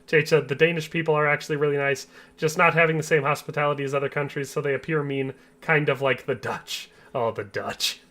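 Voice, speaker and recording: A man's voice: on the high side, fairly even intonation, fairly quick, fairly bright tone. A young man from the US Upper Midwest, a game streamer chatting casually, reading chat aloud and laughing easily.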